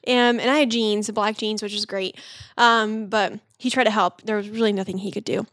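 A woman's voice: mid-range voice, fairly even intonation, moderate pace, fairly bright tone, dry recording, clean studio sound. A woman in her late twenties telling dating stories in a casual chat, full of "like" fillers. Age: late 20s. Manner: chatty storytelling with constant "like" fillers. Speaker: podcast co-host.

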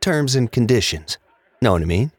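An actor playing a laid-back stoner roommate who talks in an unbothered, drawling slacker way. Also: male voice, medium pitch, big pitch swings, moderate pace, dry recording, a faint crowd. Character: laid-back stoner male roommate, easygoing and munchie-minded. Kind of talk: audio drama acting.

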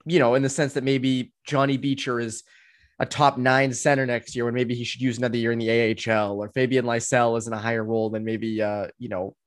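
A man's voice: mid-range voice, flat delivery, fairly quick. A man appearing as a guest on a sports podcast, chatting casually and thinking aloud with lots of "um" and "you know".

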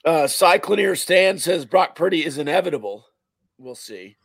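A man hosting a casual football talk show, his voice hoarse, raspy and strained. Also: fairly high pitch, expressive, moderate pace, fairly bright tone, no room sound. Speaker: sports show host.

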